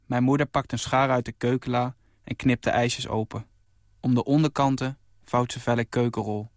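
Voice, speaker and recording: A man in his twenties reading his own short story aloud on radio, in a calm and even storytelling voice. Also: medium pitch, normal speed, dry recording, studio quality. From Netherlands. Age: 20s.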